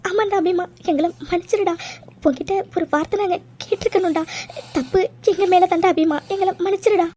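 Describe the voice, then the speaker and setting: Cartoon mother, high, soft and apologetic, a woman voicing her. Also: brisk. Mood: anxious. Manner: soothing, anxious. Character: middle-aged mother, tender and apologetic. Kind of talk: cartoon voice acting.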